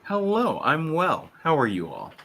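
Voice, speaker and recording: A man's voice: a little high, huge pitch swings, measured pace, creaky, a bit bright, slight background noise. A man on a podcast panel, chiming in with short, laid-back reactions. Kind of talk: casual podcast chat.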